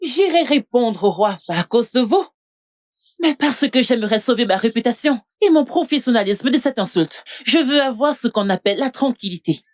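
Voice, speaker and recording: A haughty, defensive nurse stands her ground against the crowd, as a woman dubs her in French. The voice sits fairly high and sounds insulted by every charge. She speaks with proud indignation. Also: expressive, normal speed, lightly acted. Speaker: accused nurse. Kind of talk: French dub of a film.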